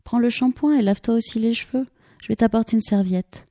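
A woman voicing a brisk, teasing grown woman who gives a boy matter-of-fact orders in a storybook reading. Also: a little high, dark tone, dry recording, clean studio sound, voice pushed up.

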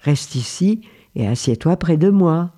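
A man's voice: on the high side, lively intonation, unhurried, dark tone. A man voicing a worried, scolding old woodcutter father in a storybook reading.

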